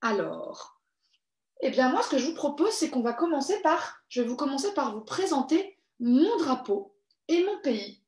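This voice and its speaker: A woman's voice: high-pitched, big pitch swings, normal speed, darkish tone. A woman hosting a live online creative workshop for children, cheerful and encouraging as she reads out viewers' comments. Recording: echoey room.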